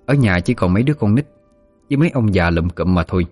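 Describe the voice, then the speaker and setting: A man's voice: on the low side, expressive, fast talker, a little mellow, faint music behind. A man narrating a ghost story vividly.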